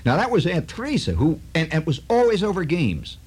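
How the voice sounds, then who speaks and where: Chicago radio guy telling a rambling wry story, husky voice, swoops all over in pitch. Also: fairly quick. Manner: rambling, wry, animated, full of asides. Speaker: radio host. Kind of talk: storytelling monologue.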